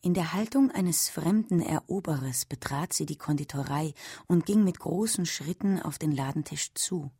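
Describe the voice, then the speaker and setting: A woman reading a literary story aloud, softly and at times almost whispering. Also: deep voice, breathy edge, no echo, studio quality. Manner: slow, soft, sometimes near a whisper. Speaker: reader.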